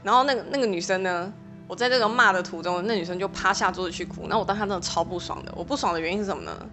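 A woman's voice: mid-range voice, very fast, fairly bright tone, faint music behind. Chatty young woman telling a story. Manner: chatty, rambling retelling with many fillers, flaring up when recounting quarrels. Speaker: podcast host. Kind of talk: personal storytelling monologue.

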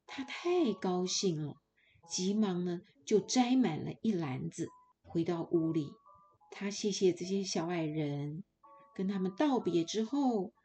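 Expressive woman telling a children's story. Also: medium pitch. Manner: expressive, playful, addressing children.

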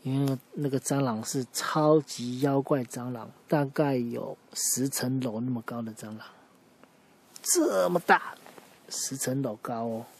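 A man's voice: medium pitch, fairly even intonation, moderate pace, hardly any pauses, a little mellow, slight background noise. Patient man telling a children's story. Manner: patient, explaining, answers a child's questions.

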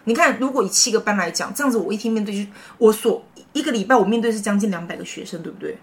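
A woman's voice: medium pitch, fast. A middle-aged woman with a Taiwanese Mandarin accent, a teacher and mother co-hosting a chat podcast, telling stories animatedly and laughing often. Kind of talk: casual chat.

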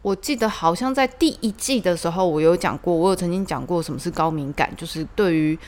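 A woman hosting a casual solo podcast, telling stories in a chatty, animated way with lots of fillers. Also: fairly low pitch, brisk. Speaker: podcast host.

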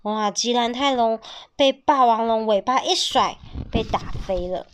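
一位女性给孩子朗读绘本当作睡前故事，语气温和生动，不时向孩子提问。. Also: female voice, on the high side, measured pace. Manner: gentle, animated, asks the child questions. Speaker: bedtime storyteller. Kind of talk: reading a picture book aloud to a child.

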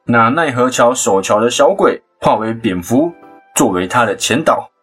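Soft music backs a husky, medium-pitched man with a Taiwanese Mandarin accent. As host of a casual storytelling podcast, he retells a legend with animated chatter, quick asides, and laughs.

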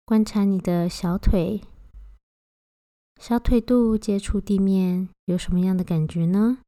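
A meditation guide leads a body-scan meditation, her gentle, unhurried instructions separated by long pauses. She speaks at medium pitch with fairly even intonation, in clean studio sound without echo.

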